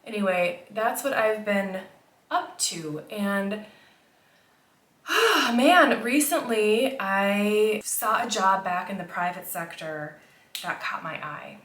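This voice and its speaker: A woman's voice: medium pitch, slow, fairly bright tone. An American woman chatting casually and candidly to camera as a makeup vlogger, in a reflective, conversational way. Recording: roomy, echoey indoor sound.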